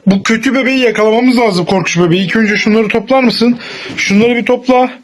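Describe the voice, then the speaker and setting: Excitable playful dad at home. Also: male voice, very high voice, quick pace. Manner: animated, excitable, coaxing. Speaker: father. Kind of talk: playful pretend-play family vlog. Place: at home, indoors.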